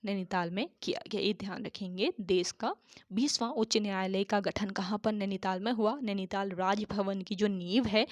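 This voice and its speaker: A woman tutor with a sore throat leads an exam-prep lesson, slowly repeating each key answer so students can write it down. Her medium-pitched voice is recorded cleanly in a studio with no room sound.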